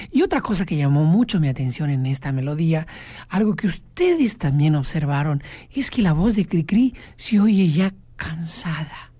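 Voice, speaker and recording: A woman radio host presenting songs to teachers, lively and expressive. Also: fairly low pitch, dry recording. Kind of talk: explanatory radio talk.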